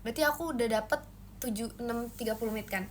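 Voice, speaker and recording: Talking fast over slight background noise, a young idol host runs a casual phone livestream, teasing viewers playfully and responding to comments. She mentions that her voice turns shrill when she gets loud.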